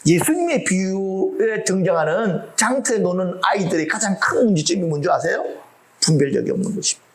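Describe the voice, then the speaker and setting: A man's voice: high voice, expressive, fairly quick. A middle-aged man preaching a sermon as pastor, humorous and full of rhetorical questions.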